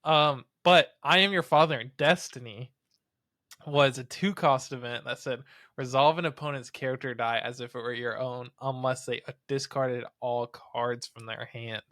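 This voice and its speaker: A man's voice: medium pitch, steady tone, normal speed, bright, forceful tone, no room sound, clean studio sound. A man co-hosting a casual card game podcast, thinking aloud and floating ideas. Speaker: podcast co-host. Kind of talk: casual chat.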